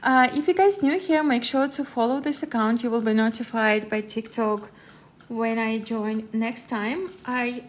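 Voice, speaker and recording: A woman's voice: a little high, unhurried. A woman, chatting on a live stream as a tarot reader, rambling with many fillers and restarts. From Ukraine. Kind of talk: live-stream chat with viewers.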